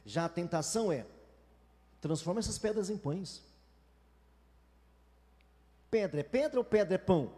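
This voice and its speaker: A man's voice: high-pitched, lively intonation, a little slow, pauses often, mellow, long reverb tail. A Brazilian man preaching a sermon as a pastor, emphatic, sometimes acting out whiny complaining churchgoers. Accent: Brazilian Portuguese.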